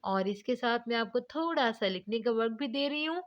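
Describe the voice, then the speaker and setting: A woman teacher giving an online phonics lesson to young children, spelling out letters and words slowly and drawing them out. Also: on the high side, animated, dull audio.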